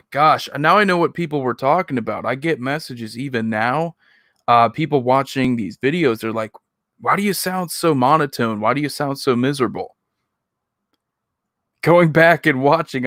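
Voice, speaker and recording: A man with an average-pitched voice gives casual reaction commentary. He rambles conversationally and is critical of himself. The recording is dry, with little room sound. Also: fairly bright tone, no echo. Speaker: video host reacting to own old videos.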